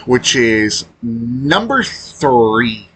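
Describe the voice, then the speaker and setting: Off the cuff, this gaming content creator gives his opinions, stopping and starting and voicing complaints bluntly. His voice is mid-range and sing-song, a little bright, slightly rough.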